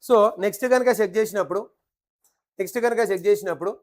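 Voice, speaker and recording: A man's voice: high-pitched, fast. A man teaching a nursing exam class, quizzing students and repeating key playfully. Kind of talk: classroom lecture with call-and-response questions.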